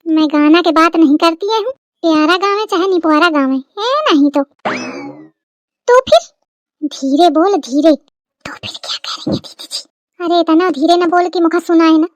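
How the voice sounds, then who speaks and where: A woman's voice: very high-pitched, no echo. A woman voicing a young scheming village daughter-in-law in a cartoon comedy, chattering in dialect. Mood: gossiping. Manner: brisk rustic dialect chatter.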